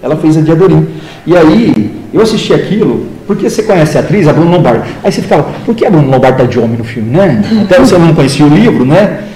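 A man in his fifties, a teacher from the interior of São Paulo, tells stories at a rapid clip in a slightly raised voice. He acts out the people in his stories as he goes. The room around him sounds roomy and echoing. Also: a little high. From interior of São Paulo state, Brazil. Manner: animated, acts out dialogue in other voices. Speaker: literature teacher, guest. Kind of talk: casual interview storytelling.

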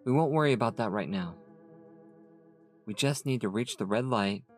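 A man's voice: lowish voice, expressive, moderate pace, soft background music, voice pushed up, close to an everyday voice. A man voicing a frightened young mother soothing her son in a storybook reading. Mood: anxious. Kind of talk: storybook narration.

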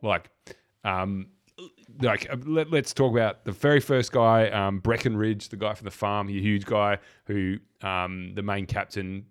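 A man co-hosting a casual film podcast, relaxed and hesitant with many fillers. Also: fairly low pitch, a little slow, clean tone. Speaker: podcast co-host.

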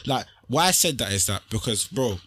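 A man's voice: mid-range voice, lively intonation, normal speed, a bit bright, slightly rough. A man with a London roadman accent, speaking urban slang in an insistent, repetitive way during a casual debate. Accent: London roadman, multicultural urban slang.

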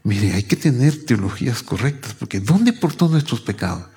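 A man's voice: mid-range voice, very animated, normal speed, mellow. A man preaching a teaching sermon, repeating key phrases and asking rhetorical questions. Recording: long hall reverb.

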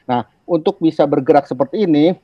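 A man's voice: a little high, brisk, breathy edge, no echo, highs cut off. A middle-aged man, a medical specialist, explaining a health topic on a podcast with homely analogies and frequent hesitations. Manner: explanatory, uses everyday analogies and sound words; many hesitations and restarts. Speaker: guest doctor, internal medicine specialist.

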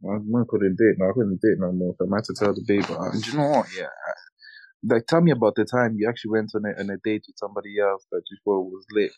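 A young man with a London roadman accent and a fairly low voice. He talks casually and with animation, full of street slang, like a podcast co-host trading stories. The sound is close and dry. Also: quick pace, darkish tone, dry recording, poor audio. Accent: London, urban roadman slang. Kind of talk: casual banter and story reading.

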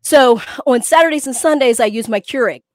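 A woman's voice: a little high, fairly quick, dry recording. A woman in her fifties co-hosting a podcast, chatty and enthusiastic with lots of fillers. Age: 50s. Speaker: podcast co-host. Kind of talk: casual podcast chat.

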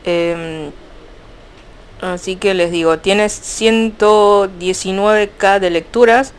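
A young woman with an Argentine accent, chatting casually about fanfiction in a rambling, animated way. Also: medium pitch, takes it slowly, smooth. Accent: Argentine Spanish. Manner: chatty, rambling, frequent restarts and fillers. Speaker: fanfiction vlogger. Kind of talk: casual chat.

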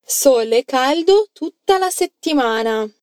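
High-voiced Brazilian woman teaching Italian. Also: animated, unhurried, no room sound. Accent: Brazilian Portuguese. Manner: encouraging, coaxing the listener to repeat. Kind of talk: language lesson narration.

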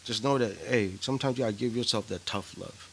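A man's voice: on the low side, quick pace, a little hiss or hum. A man co-hosting a podcast, talking candidly and from the heart, often repeating himself. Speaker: podcast co-host. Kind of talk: casual chat.

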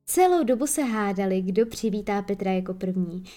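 A woman narrating a children's story in a lively, expressive way. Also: mid-range voice. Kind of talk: storybook reading.

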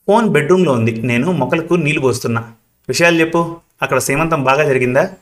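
A man reading the part of an older housewife who speaks in a brisk, direct way. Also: a little high, natural voice.

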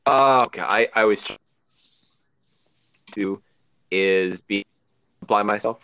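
A man co-hosting a casual podcast, halting and stumbling over his words. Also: fairly low pitch, sharp tone, clean tone. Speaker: podcast co-host.

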